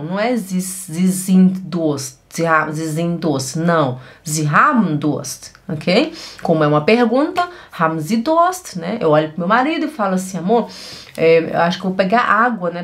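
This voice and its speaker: A woman with a Brazilian Portuguese accent teaching German, saying phrases slowly and adding quick asides. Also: on the low side. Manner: slow, drawn-out model phrases with quick asides. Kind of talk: online language lesson.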